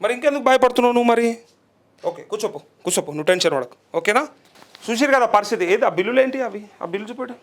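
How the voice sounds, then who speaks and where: A man's voice: extremely high pitch, expressive, fast. A male journalist, interviewing people on the spot, coaxing them and repeating their answers back.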